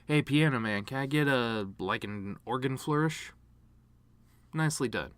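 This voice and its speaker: A man giving a dramatic reading as a bitter, self-mocking male horse celebrity speaking at his mother's funeral, in a sardonic, deadpan way with awkward pauses. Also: medium pitch, smooth, no echo, natural voice.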